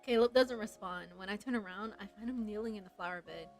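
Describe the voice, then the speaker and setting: A young woman reading a story game aloud, breaking into chatty, excited asides. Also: medium pitch, fast talker, soft background music, rough recording. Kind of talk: casual playthrough narration.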